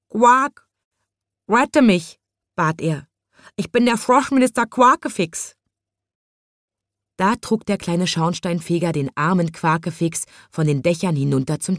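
Gentle woman reading a children's story. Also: on the low side, no echo, studio quality.

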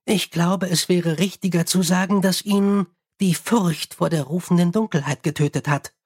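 A grave dwarf priest speaks slowly and formally, weighing every word, as a male audiobook reader voices him. The tone is husky and steady. He sounds set apart and severe. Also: high-pitched. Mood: solemn. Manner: measured, formal.

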